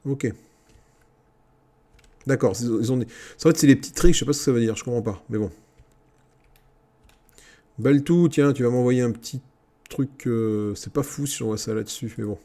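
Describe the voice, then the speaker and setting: Gaming YouTuber, male, mellow and a bit gravelly, chatty, bossing his units around. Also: medium pitch, normal speed, long pauses. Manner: talks to his troops, excitable outbursts. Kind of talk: casual Let's Play commentary.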